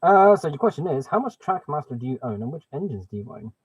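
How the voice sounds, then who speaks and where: Talking fast with big pitch swings and a breathy edge, a man with a fairly high voice chats on a live stream as he thinks aloud and adjusts settings. The dry webcam mic recording is dull, leaving him muffled and hollow like he's speaking through a pipe.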